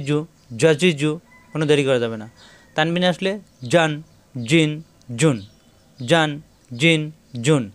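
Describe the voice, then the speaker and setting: A man teaching a recitation lesson step by step, repeating syllable drills and speaking directly to his viewers. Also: on the high side. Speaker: Quran reading teacher.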